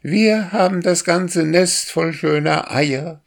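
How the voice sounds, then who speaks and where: A boastful little starling sings his lines in a lilting, sing-song voice, pitched well above the reader's own, as a man puts him on for a storybook. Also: slow pace, gravelly. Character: proud male starling singing to his mate.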